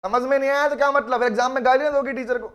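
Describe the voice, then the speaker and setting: A man teaching a live online law lecture, joking with his students and dictating definitions slowly, word by word. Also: very high-pitched, steady tone, fairly bright tone. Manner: playful, teasing, calls students 'beta'.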